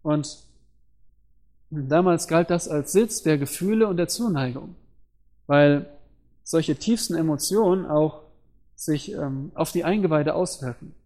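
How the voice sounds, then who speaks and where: A man's voice: a little high, unhurried, long pauses, a little mellow. A man preaching a sermon in earnest, explaining scripture and word meanings and asking his listeners rhetorical questions.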